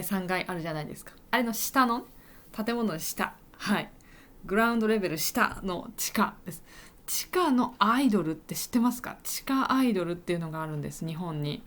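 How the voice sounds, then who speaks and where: Teacher lady telling a story to learners, voice bounces up and down a lot, stops to explain words slowly and repeat them. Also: mid-range voice. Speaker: Japanese teacher podcaster.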